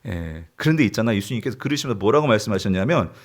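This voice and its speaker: A man's voice: on the low side, expressive, racing, voice pushed down. Martha, a man voicing a confiding older sister. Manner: casual, confiding sisterly talk. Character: Martha, a grown woman confiding in her sister.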